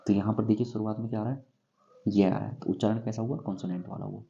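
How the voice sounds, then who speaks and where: A man teaching English grammar in a classroom-style lesson, going slowly and asking himself questions before he answers them. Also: lowish voice, steady tone, creaky, warm tone, lo-fi sound. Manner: slow, repeats and quizzes himself with questions.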